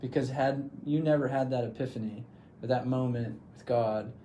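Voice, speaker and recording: A male podcast host speaks in a relaxed, encouraging way while he chats with his guest. His voice has a dark, mellow tone at a middle pitch for a man. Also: normal speed, slight background noise. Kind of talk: casual conversation.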